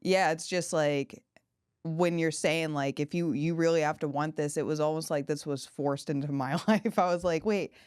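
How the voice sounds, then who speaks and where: Smooth-voiced woman podcast host. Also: deep voice, moderate pace, no echo, clean studio sound. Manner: laughs often, relaxed and candid. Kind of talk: casual podcast chat.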